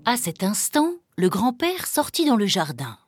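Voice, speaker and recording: A woman narrating a children's story in a slow, gentle, clearly paced manner. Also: medium pitch, sing-song, faint music behind.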